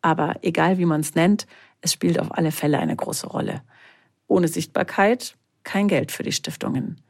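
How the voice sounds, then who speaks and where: A podcast co-host explaining a topic in a measured, slightly formal way. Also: mid-range voice, creaky.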